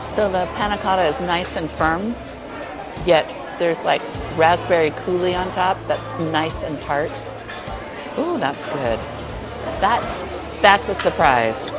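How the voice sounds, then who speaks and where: A woman with a lowish, lively voice speaks slowly while reviewing food to camera at a crowded buffet restaurant. She's playful and exclamatory, chatting between bites over restaurant chatter and music.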